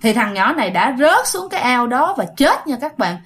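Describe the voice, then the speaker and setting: Very animated and high-pitched, a woman with a Southern Vietnamese accent narrates a ghost story at a moderate pace. Her style is casual and talkative, directed at listeners, and she dramatizes the shouts in the tale.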